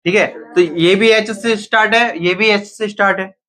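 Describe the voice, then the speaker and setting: A man's voice: sits high, fairly even intonation, moderate pace, fairly bright tone. A man teaching a grammar lesson to a class, often asking students questions and then answering them himself.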